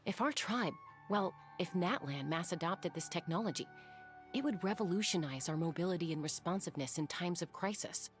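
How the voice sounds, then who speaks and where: A woman's voice: fairly low pitch, animated, fairly quick, soft background music, lightly acted. A woman playing a cool, serious, observant young woman in a video game. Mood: earnest. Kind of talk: scripted game character acting.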